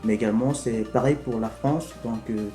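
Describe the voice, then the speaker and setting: A man from Africa talking to camera in a vlog, explaining things in an unhurried, hesitant way. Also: medium pitch, steady tone, warm tone. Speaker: vlogger. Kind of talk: casual explanatory vlog talk. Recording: echoey room with faint music.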